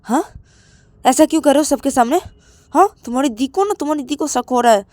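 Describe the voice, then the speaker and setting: A woman's voice: medium pitch, steady tone, mellow, no echo, lightly acted. A woman voicing a domineering, threatening young male lover who gives harsh orders. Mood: menacing. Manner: harsh, menacing, rapid-fire demands.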